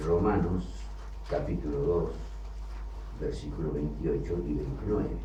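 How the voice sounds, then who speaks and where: Deep-voiced preacher with emphatic repetition. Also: male voice, fairly even intonation, a little slow, dark tone. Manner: preaching with swelling emphasis and repeated phrases. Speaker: Bible teacher. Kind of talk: sermon. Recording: distant, roomy, dull lo-fi with faint hiss.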